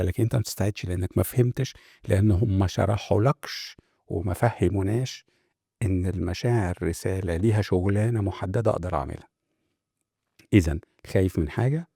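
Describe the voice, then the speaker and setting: Man, Egyptian accent, motivational podcast host, dark mellow tone, rapid delivery, rhetorical questions. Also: sits low, creaky, slightly rough, dry recording, clean studio sound. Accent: Egyptian Arabic. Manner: explains with rhetorical questions and checks in with "right?". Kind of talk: motivational talk monologue.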